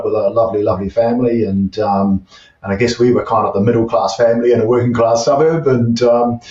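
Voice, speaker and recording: NZ-accented guest in his fifties; halting, restart-heavy delivery, heard at a distance with a muffled tone. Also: fairly low pitch, darkish tone. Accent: New Zealand. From New Zealand. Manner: hesitant, many fillers and restarts. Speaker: guest, tech CEO. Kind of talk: casual interview chat. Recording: distant, dull, roomy remote audio.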